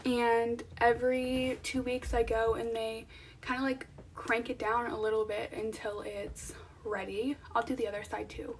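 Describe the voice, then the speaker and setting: Young girl doing a chatty vlog, voice a bit high, little bit of background noise. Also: level tone, a little slow, distant mic, poor audio. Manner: informal, conversational, frequent "like". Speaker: vlogger. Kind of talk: casual chatty vlog to camera.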